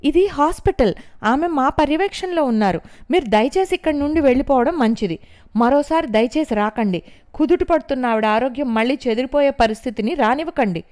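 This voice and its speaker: A woman doing a stern hospital caretaker woman, firm, formal, loud warning tone, high pitched, storybook reading. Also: expressive, brisk.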